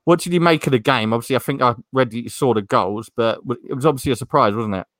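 Male podcast host, casual sports chat, mid-pitched, rambling and hesitant, very dry recording. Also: fast talker, fairly bright tone, no room sound.

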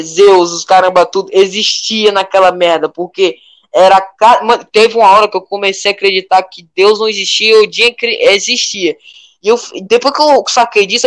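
A young man with a Brazilian Portuguese accent, chatting casually in a rambling, animated way full of slang. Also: high voice, no echo, poor audio.

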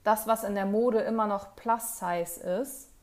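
A woman's voice: medium pitch, steady tone, unhurried, darkish tone. Young woman, podcast co-host, casual and enthusiastic, slangy, lots of fillers. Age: young adult. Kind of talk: casual chat.

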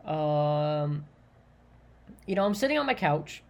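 An easygoing solo podcaster talking through stories in a loose, unscripted way. The speech wanders, is full of fillers, and keeps circling back to explain a detail again. The pitch sits in the middle, neither high nor low. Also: lively intonation, slow pace, gravelly. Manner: rambling, lots of likes and ums; stops often to clarify and rephrase. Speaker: podcast host. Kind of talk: casual solo podcast storytelling.

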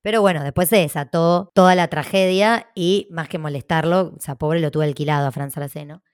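A woman's voice: sits low, steady tone, brisk, clear, resonant tone, no echo, clean studio sound. A woman with an Argentine accent, a podcast co-host telling a personal story in casual, frank talk, swearing now and then. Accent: Argentine Spanish.

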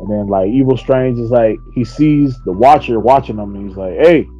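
A man hosting a podcast, casually retelling an episode with lively slang and swearing. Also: medium pitch, moderate pace, slightly rough, soft background music. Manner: animated storytelling with slang and swearing. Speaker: podcast host. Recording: dull lo-fi podcast audio.

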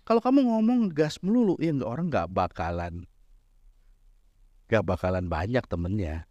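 Middle-aged male pastor, animated joking preacher, slightly high voice, dry recording. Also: moderate pace, dry recording, dull audio. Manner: lively, mixes Indonesian with English phrases, jokes with the congregation. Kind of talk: sermon.

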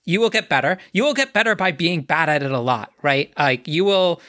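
A man's voice: a little high, animated, a little fast, fairly bright tone. A man co-hosting a podcast in casual chat, rambling with many fillers and laughing often. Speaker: podcast co-host.

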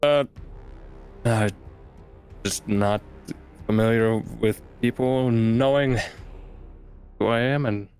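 A man playing his character in a tabletop game, speaking hesitantly with many pauses. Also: medium pitch, darkish tone, clear, resonant tone, soft background music. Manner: hesitant, halting speech. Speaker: player.

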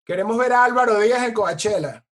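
A man's voice: high-pitched, quick pace, a bit bright. Light-voiced easygoing male co-host. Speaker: podcast co-host. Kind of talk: casual interview chat.

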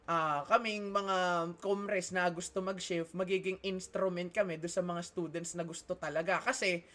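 High-voiced young man telling a story. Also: moderate pace. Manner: animated, swearing, loud when excited. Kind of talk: casual chat, storytelling.

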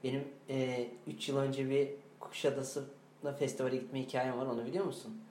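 A man's voice: medium pitch, level tone, normal speed, a little mellow. A man co-hosting a comedy podcast, chatting playfully and laughing at his own mix-ups in a cramped room. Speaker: podcast co-host. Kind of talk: casual comedic chat. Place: cramped, stuffy small room. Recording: echoey room with faint background hiss.

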